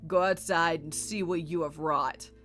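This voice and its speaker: Woman reading an imperious, low-voiced boy leader. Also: steady tone, a little slow, a bit bright, faint music behind. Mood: haughty, insistent. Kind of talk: reading game dialogue aloud.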